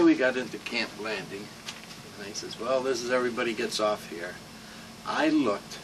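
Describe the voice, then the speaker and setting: A man's voice: medium pitch, sharp tone. An elderly American man, a war veteran, remembering his service in a rambling, salty, informal interview. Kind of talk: informal oral-history reminiscence. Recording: distant mic with room hum.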